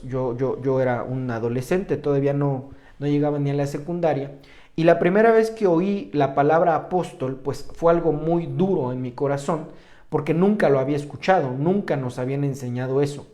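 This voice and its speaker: Mexican pastor with a mellow voice. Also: male voice, fairly high pitch. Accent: Mexican Spanish. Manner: hesitant, with many fillers and restarts; clears his throat often. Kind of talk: sermon and prayer. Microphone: online stream to a remote congregation.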